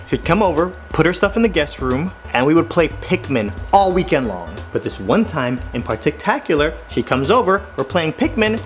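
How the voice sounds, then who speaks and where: A man telling comedic stories in an animated, exaggerated way, speaking straight to the viewers. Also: on the high side. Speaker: comedian storyteller. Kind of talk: comedic storytelling monologue.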